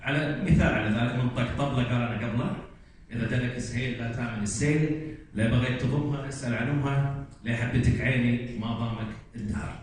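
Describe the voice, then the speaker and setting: A man's voice: medium pitch, fast talker. A man with a Kuwaiti Arabic accent presenting at an academic conference, explaining and reciting example after example, recorded from a distance in a large hall. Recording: echoey hall, distant mic, faint room noise.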